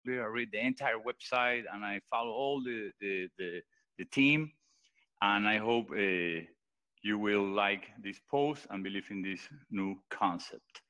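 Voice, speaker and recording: An earnest man pitches his idea over a voice chat. He talks at a middle pitch, with frequent fillers and restarts. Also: bright, forceful tone, rough recording. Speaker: guest presenting his post. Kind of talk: casual pitch on a live voice chat.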